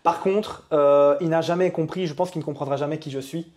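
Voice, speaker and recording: A man's voice: a little high, steady tone, a little mellow. A man in his thirties from Belgium, a coach talking candidly as a guest in a casual interview. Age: 30s. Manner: candid, confiding, fast.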